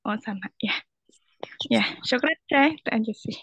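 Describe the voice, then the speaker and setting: A woman's voice: fairly high pitch, normal speed, creaky, a bit bright, slightly rough, no echo. A woman student politely asking her teacher a question over a video call whose audio keeps cutting out from a weak signal. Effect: choppy video-call audio cutting out from a weak signal. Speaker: student in an online Quran recitation class.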